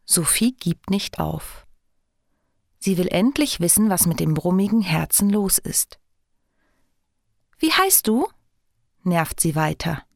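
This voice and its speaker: A woman narrating a children's story in a calm, gentle, unhurried way. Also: fairly low pitch, gravelly, dry recording, studio quality.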